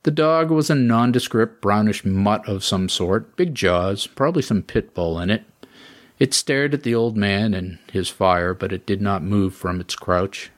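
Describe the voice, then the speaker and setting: A man reading his own story aloud as scripted narration, in a steady, measured way. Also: lowish voice.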